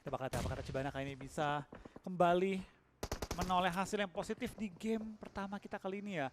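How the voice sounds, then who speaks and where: A man casting a live esports match with brisk narration of the action. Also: high-pitched, steady tone, background noise. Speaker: esports caster.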